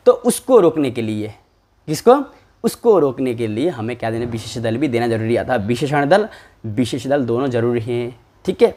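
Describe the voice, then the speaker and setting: A man teaching a classical text, reading lines slowly and often asking his listeners if they follow. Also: medium pitch, a little mellow. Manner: questions the listeners often and checks with "ठीक है?"; reads lines slowly, then explains them quickly. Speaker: Sanskrit teacher explaining a logic text. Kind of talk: lecture.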